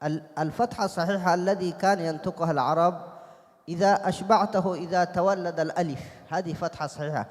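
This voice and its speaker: Brief: male recitation teacher, high voice, echoing hall, demonstrates by chanting. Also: fairly even intonation, quick pace. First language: Arabic. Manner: demonstrates sounds in sung recitation. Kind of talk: tajwid lesson. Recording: long hall reverb.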